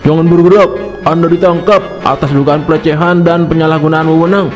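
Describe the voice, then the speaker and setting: A no-nonsense cartoon police officer, voiced by a man who speaks formally and commands. His pitch runs high, with faint music behind. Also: steady tone, brisk, close to an everyday voice. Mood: stern. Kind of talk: cartoon voice acting.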